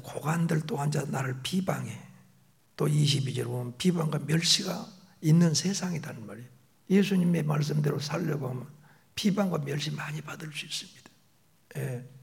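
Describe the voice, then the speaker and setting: Male pastor, middle-aged, gravelly voice sitting a bit high, preaching with whispered asides. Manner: shifts between raised emphatic phrases and soft whispered asides. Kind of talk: sermon.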